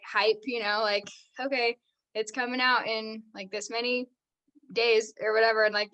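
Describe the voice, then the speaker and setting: Her medium-pitched voice is a bit bright. She's a young actress from the United States, a podcast guest in a casual interview chat, chatty and laughing frequently while saying "like" constantly.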